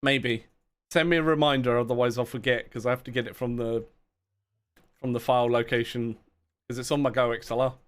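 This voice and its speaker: A man's voice: medium pitch, steady tone, a little fast. A man chatting casually on a live game stream, rambling, self-mocking and laughing often. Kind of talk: casual live-stream chat while gaming.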